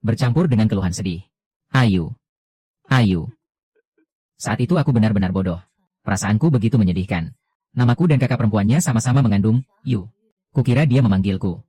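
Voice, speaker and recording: A man narrating a dramatic first-person animated story in a steady reading voice. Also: fairly low pitch.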